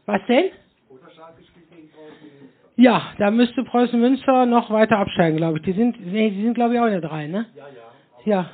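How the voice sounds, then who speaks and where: A man's voice: high voice, moderate pace, long pauses. A man hosting a live podcast on stage, talking in a rambling, chatty way and tagging his sentences with "ne?". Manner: rambling, constant tag questions "ne?". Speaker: host of a live podcast show. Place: hall with a live audience. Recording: muffled phone-like live recording.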